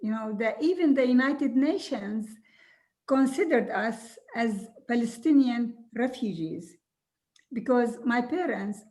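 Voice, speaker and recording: An older woman from Jordan, a native Arabic speaker, telling her life story slowly and earnestly, with soft laughs now and then. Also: fairly high pitch, expressive. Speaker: guest speaker. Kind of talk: recorded video conversation.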